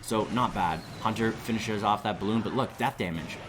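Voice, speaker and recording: Calling the match live, a young man with a voice on the low side talks at normal speed, rambling into chatty tangents between plays and livening up in exciting moments. There's background noise behind him.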